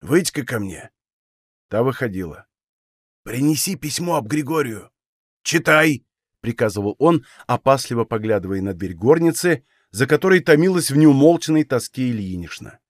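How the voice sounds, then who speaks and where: A man reading an audiobook, voicing a stern, gruff old Cossack father who gives commands in a low, hushed voice. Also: animated, moderate pace, no room sound, studio quality, natural voice. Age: older.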